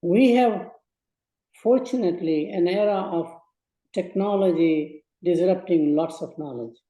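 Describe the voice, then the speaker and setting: A man in his eighties from Burma, giving slow, measured advice in a speech to students. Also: high-pitched, mellow, roomy sound, rough recording. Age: 80s. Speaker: guest speaker.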